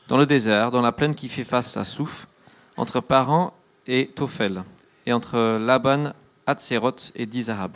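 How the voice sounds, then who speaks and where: A man interpreting a sermon line by line and reading scripture, quick and fluent. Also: mid-range voice. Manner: quick, fluent rendering with brief fillers.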